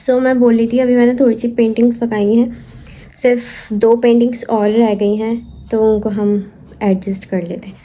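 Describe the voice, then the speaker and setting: A woman's voice: on the high side, flat delivery, moderate pace, warm tone, rough recording. A young woman chatting casually to her viewers in a vlog, often slipping English words into her talk. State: tired and out of breath. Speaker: vlogger.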